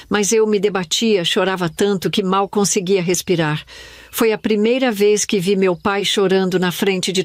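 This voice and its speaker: An older woman from Brazil narrates a sad family story, slow and somber. Her voice sits at a middle pitch. It is recorded dry and close, with no room sound. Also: dry recording. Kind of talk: scripted first-person narration.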